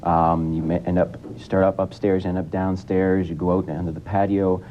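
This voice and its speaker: A teenage student guest talking in a relaxed, rambling way with many fillers, heard through an old 1980s TV broadcast. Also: male voice, normal speed. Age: teens. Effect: old 1980s TV broadcast sound. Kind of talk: casual broadcast interview. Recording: dull lo-fi 1980s TV broadcast with faint rumble.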